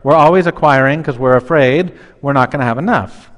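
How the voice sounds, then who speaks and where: A man's voice: medium pitch, fairly quick. A man in his forties, a pastor preaching a conversational, humorous sermon at the altar of a church, now and then acting out voices. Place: large church sanctuary, standing at the altar. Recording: long church reverb.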